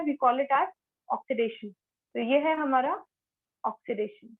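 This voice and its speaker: A woman teaching a chemistry class, explaining patiently, slowing down to repeat key terms and checking in with her students. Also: high voice. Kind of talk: explaining a lesson in Hindi with English terms. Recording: tinny phone-like audio.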